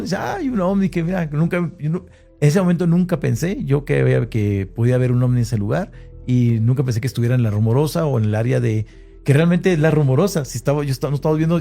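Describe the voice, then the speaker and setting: A man with a Mexican Spanish accent talks at an even middle pitch in a dark, mellow tone. He recounts his experience hesitantly, restarting phrases and dropping lower as the story grows tense. Faint music plays quietly behind him. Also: gravelly. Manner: hesitant, with many restarts and fillers, slowing at tense moments. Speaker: interviewee recounting an encounter. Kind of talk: conversational first-person account.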